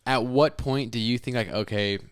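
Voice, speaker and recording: A man's voice: medium pitch, lively intonation, normal speed, crowd noise. A young adult man co-hosting a casual podcast, teasing his friends and steering the questions. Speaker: podcast co-host. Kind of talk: casual chat.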